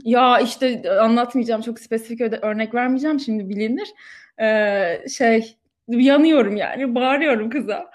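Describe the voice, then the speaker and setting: A young woman in her twenties talks casually with a friend. She tells stories in an animated, slangy way, and her voice sits a little high. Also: moderate pace. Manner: animated storytelling with slang and laughter. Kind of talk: casual chat.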